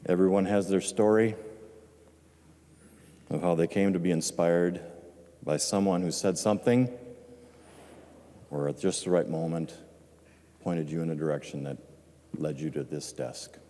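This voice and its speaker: Deep-voiced older man in a reverberant chamber. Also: warm tone. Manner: measured, reflective, with dry humor. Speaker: departing state legislator. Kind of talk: farewell floor speech. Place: legislative chamber floor. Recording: long reverb of a large chamber.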